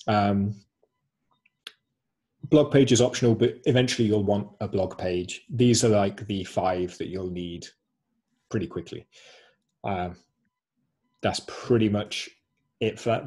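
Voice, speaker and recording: A man's voice: on the low side, fairly even intonation, measured pace, pauses often, dark tone, breathy edge. A man co-hosting a webinar over a video call, presenting slides in an upbeat way, repeating short slogans with plenty of "um"s.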